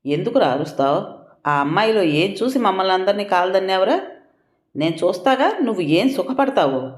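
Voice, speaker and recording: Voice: medium pitch, lively intonation, a little fast, pitched above the performer's own voice, close to an everyday voice. A narrator voicing an enraged middle-aged uncle who berates and threatens his nephew in a harsh, insulting way, recorded with a roomy echo. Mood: angry.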